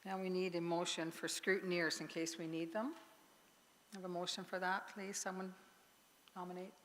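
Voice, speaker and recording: Woman running a church meeting, halting. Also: fairly low pitch, level tone. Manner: halting, with fillers and restarts. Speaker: meeting organizer. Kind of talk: church annual meeting business. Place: church sanctuary. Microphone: microphone with sound trouble. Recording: long church reverb, faint noise.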